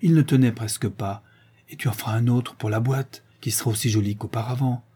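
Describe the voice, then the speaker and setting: A man voicing an eager, tearful young farm girl in an audiobook, with a high pleading voice. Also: fairly even intonation, a little fast, dark tone, husky, lightly acted. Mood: eager, hushed.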